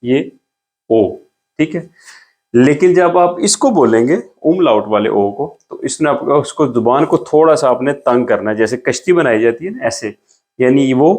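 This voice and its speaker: A man teaching a beginner language lesson, explaining patiently step by step and repeating each sound slowly while he writes. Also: medium pitch, a little mellow.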